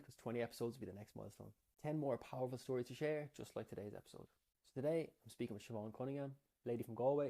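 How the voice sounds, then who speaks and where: Guy doing a podcast intro, talks quick, mid-pitched voice. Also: warm tone. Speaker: podcast host.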